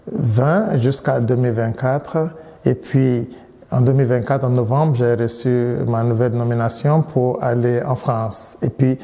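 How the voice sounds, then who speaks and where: A priest in his thirties, from Nigeria, answers interview questions in a very dark, mellow voice. He speaks in a measured way and often restarts or repeats words. The sound carries a long reverb, as if recorded in a large hall. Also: medium pitch.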